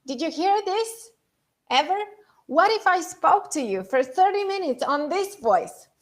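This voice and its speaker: Woman putting on a squeaky, strained high head voice. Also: sing-song, measured pace, full character voice. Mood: strained, loud. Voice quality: squeaky, constricted, bottlenecked.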